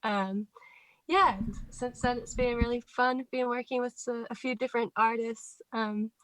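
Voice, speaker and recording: A woman's voice: fairly high pitch, fairly even intonation, normal speed, a bit bright, dry recording, rough recording. Woman with a Scottish–New Zealand accent. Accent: mix of Scottish and New Zealand. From Scotland, raised in New Zealand. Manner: easygoing, laughs often, many fillers. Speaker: guest musician. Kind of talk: casual chat.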